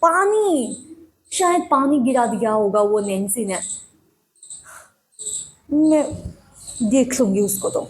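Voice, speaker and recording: A woman's voice: on the high side, lively intonation, slow pace, long pauses. A woman acting as a young girl who misses her mother and pleads with her father in a dramatic audition monologue. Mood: pleading. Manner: pleading, childlike, with a lot of repeating. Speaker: actress auditioning.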